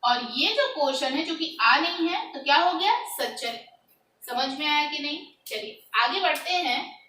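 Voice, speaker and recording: A woman's voice: high voice, lively intonation, measured pace, bright, forceful tone, roomy sound, distant mic, a little hiss or hum, rough recording. A woman teacher giving a grammar lesson, asking her students questions and answering them herself. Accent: Hindi.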